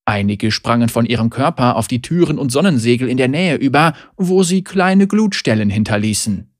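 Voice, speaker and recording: An audiobook narrator reading a fantasy story with expressive, scripted storybook narration. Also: mid-range voice, moderate pace, no room sound, studio quality.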